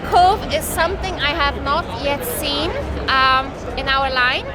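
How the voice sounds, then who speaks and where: A woman's voice: high-pitched, measured pace, heavy background noise. A woman chatting casually in an interview at a convention hall, explaining sports gear as a professional player. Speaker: professional bowler giving product opinions. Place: busy convention hall booth. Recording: loud music and crowd, convention hall. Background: loud music and crowd.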